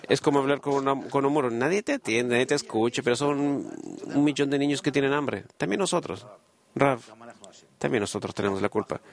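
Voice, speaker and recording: A man with a mid-range voice gives a Spanish voice-over of a conversation. He sounds earnest and halting, with many pauses and fillers.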